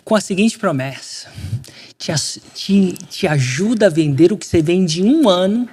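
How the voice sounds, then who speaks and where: A man from Brazil, a guest on a podcast, tells a story in casual conversation, animated and full of slang, acting out the quotes. His high-pitched voice is husky, and he speaks at a moderate pace.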